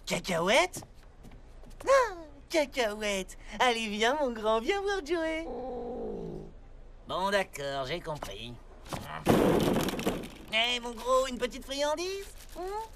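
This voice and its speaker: A woman voicing a plucky, cheeky young boy hero in a dubbed cartoon, determined and quick with a retort. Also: a little high, sing-song, very noisy. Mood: coaxing. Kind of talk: French cartoon dub. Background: loud music.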